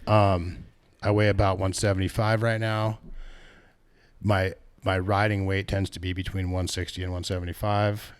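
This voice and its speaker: Deep-voiced guy rambling casually on a shop podcast, keeps backtracking and restarting. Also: level tone, moderate pace, clean tone. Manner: rambling, self-correcting, laughs at own stories. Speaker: podcast co-host, bike shop staff. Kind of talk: casual chat.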